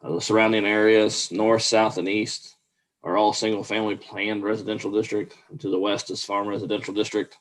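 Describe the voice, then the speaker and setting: A man's voice: on the low side, level tone, a little fast, poor audio. A man reading out a formal staff report at a public meeting in a plain, procedural way.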